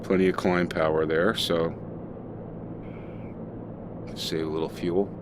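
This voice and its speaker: This flight sim streamer's casual commentary comes slowly in a low, steady voice over a noisy background. He thinks aloud with fillers while he flies.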